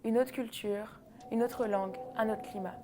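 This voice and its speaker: A woman telling a spoken-word story expressively, loud ambient noise behind. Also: fairly high pitch, steady tone, normal speed. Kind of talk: poetic spoken-word narration.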